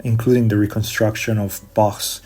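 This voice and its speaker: A middle-aged Hungarian man, a guest organist and composer, answers interview questions in measured English, pausing often and using plenty of fillers. His pitch is fairly low, his delivery flat, and his tone somewhat dark.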